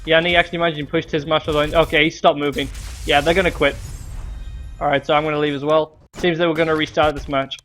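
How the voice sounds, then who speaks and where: A man's voice: a little high, flat delivery, quick pace, a bit bright, soft background music. A young man commentating a video game match live from his room, slightly out of breath, rambling with fillers and restarts. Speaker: shoutcaster and streamer.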